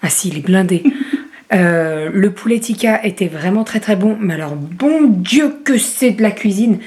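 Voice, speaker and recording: A woman's voice: medium pitch, lively intonation, moderate pace, a little mellow. A woman vlogging about her family life from her home kitchen, rambling casually with lots of hesitations and self-corrections. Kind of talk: casual home vlog chat.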